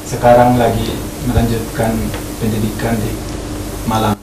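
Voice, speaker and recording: A man's voice: on the low side, monotone, normal speed. A man from eastern Indonesia, a university student, giving short shy answers. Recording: distant, echoey, noisy.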